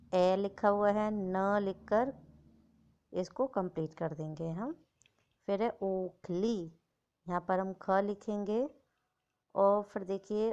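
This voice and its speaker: A woman's voice: medium pitch, clean tone, muffled recording. A woman teaching young children the Hindi alphabet, patiently explaining and sounding out letters one by one, often checking in with short tags.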